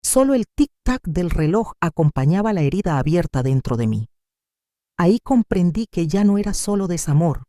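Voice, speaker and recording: An older woman narrates a sad family drama in the first person. Her voice is deep and dark in tone, and she moves through the telling with lively rises and falls. The sound is close and dry, with no room around it. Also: normal speed, dry recording. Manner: dramatic, sorrowful storytelling. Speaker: storyteller.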